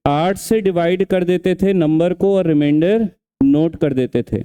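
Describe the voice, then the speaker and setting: A man's voice: fairly high pitch, a little slow, mellow, smooth. A man teaching an exam revision class, who keeps quizzing and scolding his students and repeats each step. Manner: questioning, scolding, repeats steps.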